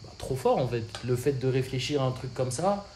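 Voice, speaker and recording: A man's voice: medium pitch, brisk. A young man chatting casually as co-host, rambling and slangy. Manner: relaxed, rambling with fillers and slang. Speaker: podcast co-host. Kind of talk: casual chat. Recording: echoey room, faint ambient noise.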